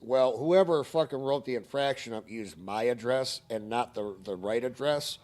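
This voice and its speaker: A man's voice: mid-range voice, normal speed, darkish tone. A man telling a story on a stream in a casual, heated, profane ranting manner.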